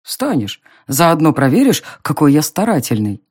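A narrator playing a smug young nobleman who mocks and teases in an audiobook reading, with a slow, drawling, low delivery. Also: big pitch swings, a little mellow, slightly rough. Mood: mocking.

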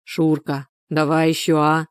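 Woman voicing a gruff pushy man, low dark voice, urgent, dry close sound. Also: monotone, unhurried, no room sound. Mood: pleading. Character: pushy, hot-tempered married man.

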